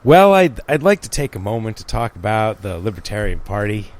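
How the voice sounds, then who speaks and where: A man on a podcast chats in a wry, halting way, full of fillers and restarts. His pitch moves in lively swings up and down. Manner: hesitant with many fillers, wry. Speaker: podcast co-host. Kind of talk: casual chat and reading aloud.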